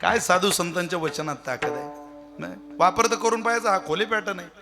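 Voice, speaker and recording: A man's voice: sits high, brisk, music in the background. A man giving a devotional sermon as a kirtan preacher, folksy and joking, throwing out rhetorical questions.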